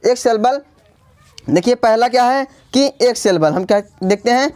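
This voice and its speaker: Teacher, female, Hindi accent, slightly high voice, patient drilling delivery that spells out words. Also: measured pace, darkish tone. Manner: repetitive, spells words letter by letter, frequent "ठीक है" check-ins. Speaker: English grammar teacher. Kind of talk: classroom-style grammar lesson.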